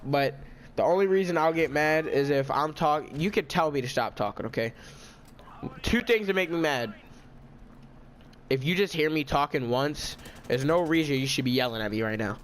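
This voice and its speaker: A man's voice: on the high side, a bit bright, slight background noise. A teenage boy telling a storytime vlog in a casual, indignant, ranting way. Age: teens. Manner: indignant, ranting, self-justifying.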